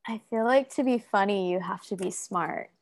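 A woman's voice: mid-range voice, moderate pace. A woman appearing as a podcast guest, answering questions in an easygoing, giggly way. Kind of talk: casual interview chat.

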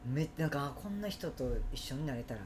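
A man with a Kansai accent co-hosting a casual podcast, talking animatedly and acting out quoted lines with big jumps in pitch. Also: expressive, quick pace, a little hiss or hum. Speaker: podcast co-host.

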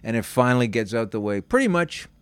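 A man telling a long story as a guest, rambling with halting restarts and swearing. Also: mid-range voice, big pitch swings, clear, resonant tone, no echo. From Canada. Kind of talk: casual storytelling.

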